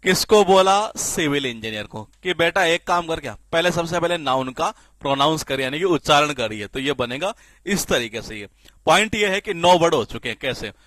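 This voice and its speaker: A man teaching spelling in a classroom-style lecture, lively and repetitive, often asking the class questions and answering them himself. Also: on the high side, normal speed. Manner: lively, repeats questions to the class, frequent filler "ye".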